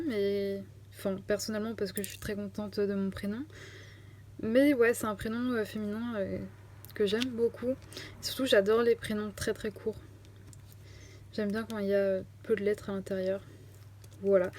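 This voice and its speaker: A young woman talks casually to her viewers, answering questions one after another. Her voice sits at a middle pitch and she hesitates often, filling pauses as she thinks. A faint hiss lies under the recording. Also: a little mellow. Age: young adult. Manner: chatty, hesitant, many fillers. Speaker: vlogger. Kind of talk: casual Q&A chat to camera.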